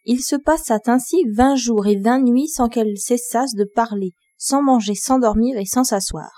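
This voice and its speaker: Mellow woman reading a fairy tale. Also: fairly high pitch, moderate pace, dry recording, studio quality. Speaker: audiobook narrator. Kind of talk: scripted storybook narration.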